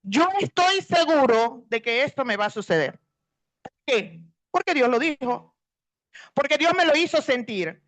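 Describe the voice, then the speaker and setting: A woman's voice: high voice, lively intonation, a little slow, a bit bright. A middle-aged woman pastor, preaching a sermon earnestly and stretching out key words for emphasis.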